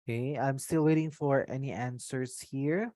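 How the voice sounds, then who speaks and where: A Filipino online trainer with a mid-pitched voice teaches in a mix of Tagalog and English. The native Tagalog speaker switches language mid-sentence and keeps adding little check-in tags. The sound is close and dry, with very little room. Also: normal speed, warm tone, dry recording. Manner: frequent tag questions checking on listeners. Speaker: trainer leading an online customer service course. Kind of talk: interactive online lesson.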